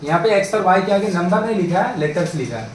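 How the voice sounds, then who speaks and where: High-voiced man teaching math in echoey room. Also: animated, fast. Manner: coaxing, asks students questions, calls them "babu" and "bhai". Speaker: math tutor. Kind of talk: classroom math lesson in Hindi-English mix. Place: classroom with students. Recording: echoey room, mic far off, faint background noise.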